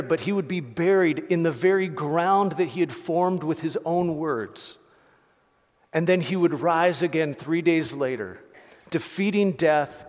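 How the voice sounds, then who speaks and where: A man delivers an impassioned sermon in a slightly raised voice, talking to the congregation in a loose, conversational way. The sound carries a long reverb from a church hall. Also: on the high side. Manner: impassioned, conversational preaching with restarts and "like". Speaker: pastor.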